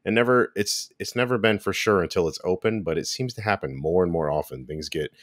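Low-voiced weary man. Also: fairly quick, no echo, studio quality. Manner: weary, frustrated grumbling. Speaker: podcast co-host. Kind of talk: casual podcast chat.

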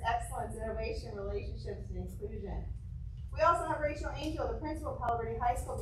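A middle-aged woman at a podium, steadily reading out a list of staff recognitions with small fillers. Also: fairly high pitch. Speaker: district staff presenting awards. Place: large school board meeting room. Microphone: podium mic seen from a far camera. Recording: echoey room mic from far off with hiss.

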